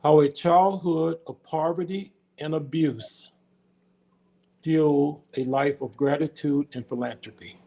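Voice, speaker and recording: An older man from the United States who talks as a podcast guest, with a gravelly, creaky voice that sits a little high. He rambles, repeating and restarting words as he goes. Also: fairly even intonation, slow, dark tone. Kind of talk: casual interview chat.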